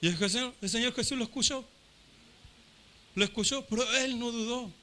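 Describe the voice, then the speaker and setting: High, bright-voiced man preaching. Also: moderate pace. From Chile. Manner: fervent, repeats phrases, acts out shouting crowd voices. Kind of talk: Pentecostal sermon.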